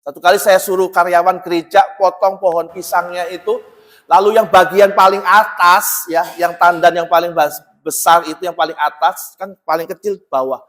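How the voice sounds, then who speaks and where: A male pastor preaching a sermon, telling a story with lively emphasis and calling out often to the congregation. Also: high voice, normal speed. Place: church. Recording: long reverb of a large church hall.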